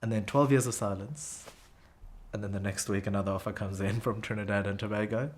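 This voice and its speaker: Man, 30s, Bengali native speaker; low, level delivery, reflective personal storyteller. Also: fairly even intonation, fairly quick, slight background noise. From Bangladesh and South Africa. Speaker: interviewee.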